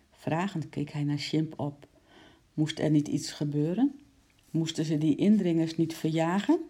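A narrator reading a children's story aloud in a lively, expressive way, voicing sound effects. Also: medium pitch, husky.

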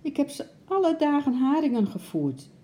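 A woman voicing an excited young male zookeeper in a storybook, calling out and pleading. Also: high voice, moderate pace, slight background noise, voice pushed up. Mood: urgent.

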